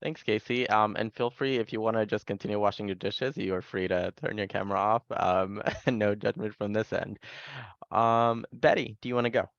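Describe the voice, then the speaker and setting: A man's voice: on the low side, moderate pace, vocal fry, no room sound, highs cut off. A man moderating a panel over a video call, friendly and hesitant, with lots of fillers.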